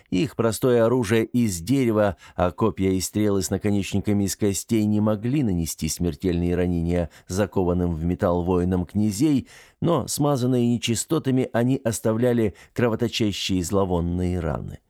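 A male audiobook narrator reads scripted fiction. His voice sits low and has a dark, soft-edged tone. The recording is very dry, with no room sound. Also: normal speed, no echo.

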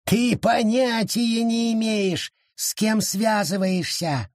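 A man voicing a small, hostile wild forest creature that growls and shouts spiteful threats in an audiobook. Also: high voice, slow pace, no room sound, clean studio sound, pitched above the performer's own voice, heavily acted. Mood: menacing. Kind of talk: audiobook character voice.

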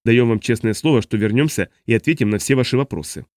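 A man's voice: mid-range voice, quick pace, a little mellow, no echo, clean studio sound, close to an everyday voice. A man voicing a stubborn, guarded traveler who refuses to give answers. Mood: defiant.

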